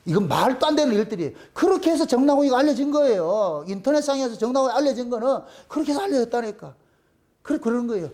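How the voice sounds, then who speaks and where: A middle-aged man, preaching a sermon as pastor, telling stories animatedly and dropping low to voice God's replies. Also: animated, quick pace, a little mellow.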